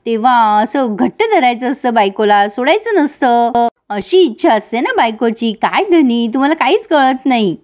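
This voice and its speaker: A woman's voice: a little high, expressive, normal speed, a little mellow, lightly acted. A woman reading the lines of a playful young wife in a recap of a television serial, teasing and scolding.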